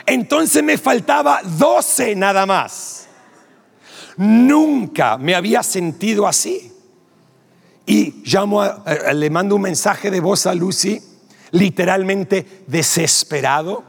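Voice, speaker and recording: A man's voice: high-pitched, lively intonation, takes it slowly, creaky, breathy edge. A man with a Rioplatense Spanish accent preaching a sermon, animatedly telling a story and acting out the dialogue, often with laughter. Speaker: pastor. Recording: long hall reverb.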